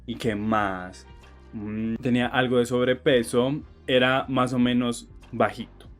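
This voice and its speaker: A young man telling a personal story in a vlog, animated and joking, cursing freely. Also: medium pitch, a little slow, music in the background. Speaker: vlogger.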